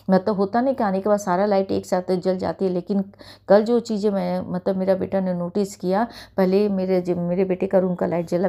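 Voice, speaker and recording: A middle-aged woman recounts a personal experience to her spiritual community in an earnest, storytelling way. Her voice is mellow and warm, and she sits at an ordinary middle pitch. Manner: earnest storytelling, often addresses listeners as sangat ji. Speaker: satsang sharer. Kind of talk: personal testimony.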